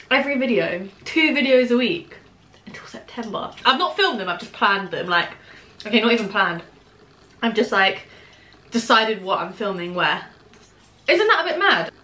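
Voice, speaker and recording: Bright-voiced young British woman, chatty and echoey. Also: fairly high pitch. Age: 20s. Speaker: vlogger chatting while eating. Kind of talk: casual chatty mukbang vlog. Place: small room at home, indoors. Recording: echoey room.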